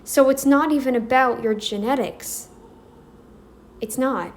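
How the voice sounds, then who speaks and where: A woman's voice: sits high, unhurried, slight background noise. A North American woman rambling through an emphatic opinion commentary, speaking straight to her viewers. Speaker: commentary vlogger.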